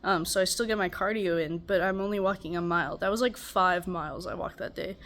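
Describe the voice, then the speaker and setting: Sitting at home next to a noisy air conditioner, a tired young woman vlogs a casual check-in, her voice congested and stuffy. Her pitch is fairly low and a bit bright, and she talks briskly while rambling in a weary, self-deprecating way.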